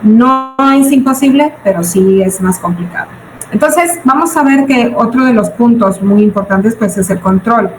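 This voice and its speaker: Soft background music plays as a fairly high-pitched, darkish-toned woman speaks at a normal speed. She's a Mexican-accented business budgeting teacher in her forties, lecturing students informally through questions and answers, with roomy echo and background noise in the recording.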